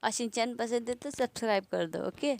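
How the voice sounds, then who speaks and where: A woman's voice: fairly high pitch, fairly quick, a little hiss or hum. A woman casually retelling an anime episode, chatty and laughing along, talking straight to her viewers. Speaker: anime recap narrator. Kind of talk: casual spoken story retelling.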